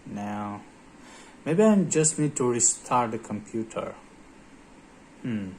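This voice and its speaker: A man's voice: mid-range voice, lively intonation, slow pace, a little mellow, a little hiss or hum, rough recording. A man hosting a tech channel, talking casually over his screen with many hesitant filler sounds. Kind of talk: casual screen-recorded commentary.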